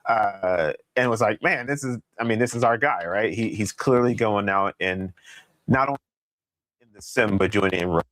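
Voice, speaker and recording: A man's voice: on the low side, moderate pace, fairly bright tone, dry recording. A man co-hosting a casual video-call chat, his voice coming through a crackling microphone that keeps cutting out, often checking with "right?". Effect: crackling mic that cuts out.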